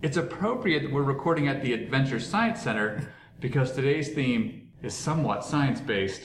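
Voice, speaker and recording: A man's voice: medium pitch, animated, normal speed. A man hosting a casual group podcast, recorded in an echoey lobby. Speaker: podcast host. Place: echoing science center lobby. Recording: echoey lobby, faint background noise.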